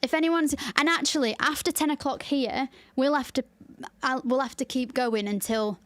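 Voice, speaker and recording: With a high-pitched voice at normal speed, a woman from Lancashire chats casually on her podcast, laughing easily though tired after a 24-hour stream. There is no echo on the recording.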